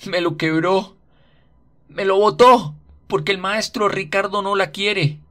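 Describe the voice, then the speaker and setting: A man voicing a desperate, anguished young boy in a radio story, with high, strained wailing. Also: fairly even intonation, slow pace, pushed and bright, heavily acted. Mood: anguished pleading.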